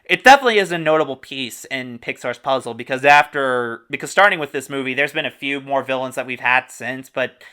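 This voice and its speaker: A man hosting a relaxed movie talk, keen to share behind-the-scenes trivia. His voice is bright and smooth, very clean in tone. He talks with easy enthusiasm and the odd laugh. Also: mid-range voice. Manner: enthusiastic, informative, quick asides with laughs. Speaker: podcast host. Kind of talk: casual movie discussion.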